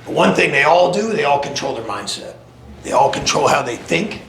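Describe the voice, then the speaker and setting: Gravelly, forceful man giving a pep speech. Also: on the high side, lively intonation, moderate pace, slight background noise. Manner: impassioned, preaching, emphatic repeated phrases. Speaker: motivational coach, guest speaker. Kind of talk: pre-game pep speech to a team. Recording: echoey room.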